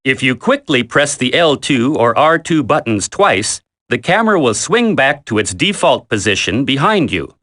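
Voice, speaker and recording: A male instructor narrates a scripted video game tutorial in the role of a military trainer. His lively-pitched voice sounds firm and instructive, and he delivers each line in a deliberate, commanding way.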